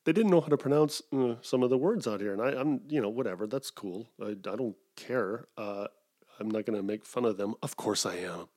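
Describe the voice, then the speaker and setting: A middle-aged Wisconsin man hosts a solo podcast, rambling through digressions and tossing in self-mocking asides. His voice is warm and medium-pitched, and he talks a little fast.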